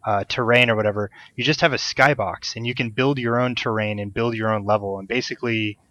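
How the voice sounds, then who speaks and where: A man's voice: fairly low pitch, steady tone, a little fast, pushed and bright. Enthusiastic man hosting, muffled call audio. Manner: enthusiastic, swears freely, rambling. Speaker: podcast host. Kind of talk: casual chat over a Skype call. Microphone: desk mic on a call.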